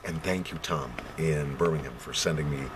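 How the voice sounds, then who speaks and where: A man's voice: a bass voice, moderate pace, background noise. An American man giving a casual, conversational review to camera, repeating phrases for emphasis. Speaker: pipe tobacco reviewer. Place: basement.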